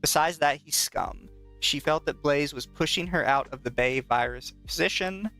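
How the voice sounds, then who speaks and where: A man with a slightly high voice co-hosts a podcast at a normal speed, chatting casually and often reading aloud. He is mocking and profane, laughs easily, and soft background music plays.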